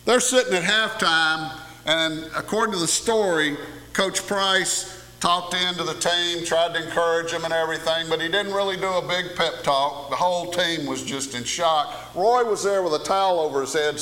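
Man, pastor preaching, high voice, bright, echoey hall. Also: moderate pace. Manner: folksy storytelling preacher. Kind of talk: sermon. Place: church sanctuary. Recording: echoey hall with long reverb.

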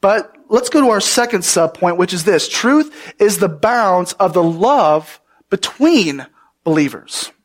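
A male pastor with a notably high voice delivers a Bible sermon. He speaks earnestly and with emphasis, often turning to the congregation with questions. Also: animated, slow.

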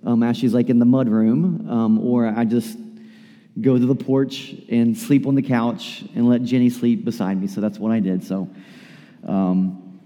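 A tired male pastor preaching in a church with a long, ringing reverb. His voice is mellow and darker in tone, and he talks casually, with fillers and restarts, like a friendly chat from the pulpit. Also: mid-range voice, fairly even intonation, a little slow. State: tired, yawning. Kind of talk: sermon.

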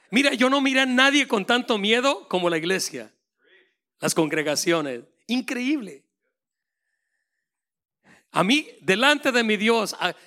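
A man with a high, bright, ringing voice preaches with fire. He swings from booming proclamations down to hushed, close asides. He delivers it as a passionate Spanish sermon.

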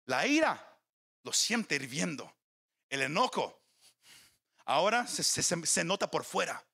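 A male pastor delivers a sermon in a gravelly, bright voice. His pitch rises and falls widely as he builds emphasis, and he trips over repeated words. He keeps asking the congregation whether they are following. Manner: preaching with rising emphasis and repeated restarts; addresses the congregation with questions.

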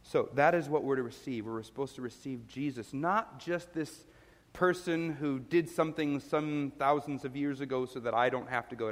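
A male pastor giving a sermon, earnest and explanatory, putting questions to his listeners. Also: medium pitch. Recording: long reverb of a large hall.

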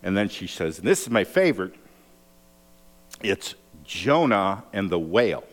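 A male pastor preaches at a slow, deliberate pace, his voice sitting a little low. He tells stories and acts out the quoted lines with sudden lifts in pitch. His voice rings with a long reverb, as if recorded in a church sanctuary. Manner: animated storytelling, acts out quotes with raised pitch. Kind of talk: sermon.

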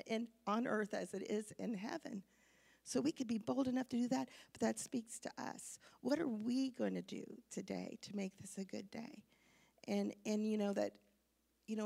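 A woman's voice: a little high, gravelly, warm tone. A woman speaking at a church service about faith and joy, reflective and talking in a casual way. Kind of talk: sermon segment, casual and heartfelt.

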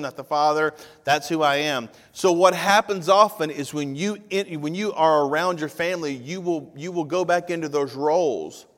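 In a church sanctuary with long hall reverb, a man in his fifties from Tennessee delivers a conversational sermon. His fairly high voice is a bit bright. He frequently breaks off for direct asides to the congregation.

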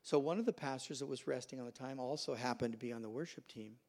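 A male pastor preaches to his congregation in a church, telling stories and acting out the people in them. His voice is gravelly and sits at an ordinary pitch, neither high nor low. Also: quick pace, a little mellow. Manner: storytelling, acts out quoted voices. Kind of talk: sermon. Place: church sanctuary.

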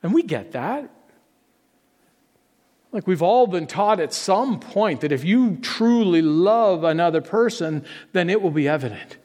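A man's voice: high voice, expressive, a little slow, a little mellow, in a large hall. A man preaching a sermon as a pastor, earnest and conversational, building up to emphatic peaks on key phrases.

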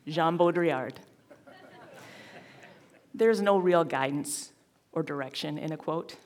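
A woman's voice: sits low, takes it slowly, a little mellow. A woman in her fifties performing a wry, self-deprecating spoken-word monologue.

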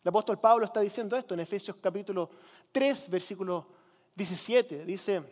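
A man's voice: high-pitched, fairly quick, in a large hall. A man preaching a sermon as pastor, urging his congregation to repeat lines with him. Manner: preaching with call-and-response to the congregation. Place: church.

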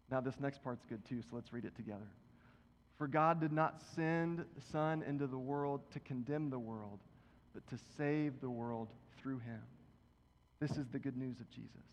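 A man preaching a sermon, reading scripture aloud and talking to the congregation in a casual way. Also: on the high side. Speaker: pastor. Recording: dull, reverberant hall.

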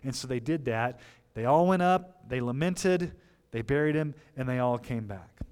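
A male pastor preaching an expository sermon, shifting between loud emphatic points and quiet asides and asking the congregation rhetorical questions. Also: medium pitch, lively intonation, moderate pace, clear, resonant tone. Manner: conversational, explaining scripture with rhetorical questions.

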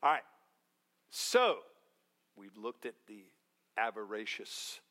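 A man's voice: on the low side, sing-song, takes it slowly, fairly bright tone. A male pastor preaching a sermon in a folksy, joking way, repeating key phrases for emphasis. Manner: folksy, jokey, emphatic repetition.

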